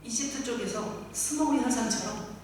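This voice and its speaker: A woman pastor preaching with lively, dramatic delivery, slipping into the voices of the people and of God in her story. Her voice carries through a big echoing church sanctuary. It is picked up from a distance, with audible room noise. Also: on the high side, moderate pace. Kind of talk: sermon. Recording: echoey church hall, mic far off.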